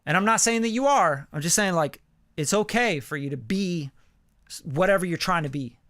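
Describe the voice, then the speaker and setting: A man in his late thirties giving a casual live song critique as a music producer, animated and profane, full of "like" and "you know.". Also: high voice, normal speed, no echo, studio quality. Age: late 30s. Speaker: music producer reviewing listener songs.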